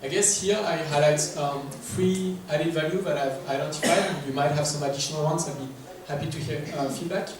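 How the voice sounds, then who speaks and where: This man's voice is on the high side, and he talks fairly quickly with hardly any pauses, presenting a conference workshop in English with a French accent. His delivery is hesitant and filler-heavy as he questions the audience, captured from afar in a large, echoey room with noise.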